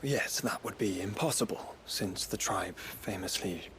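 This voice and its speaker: A scholarly male companion with a fairly low voice, played by an actor. He sounds thoughtful and explains things carefully. A faint hiss sits under the game audio. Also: unhurried, lightly acted. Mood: musing.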